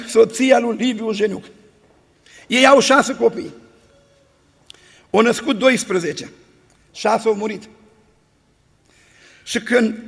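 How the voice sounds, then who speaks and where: Male preacher, very high pitch, earnest, story-driven sermon, reverberant church. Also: vocal fry. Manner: earnest, storytelling with quoted dialogue.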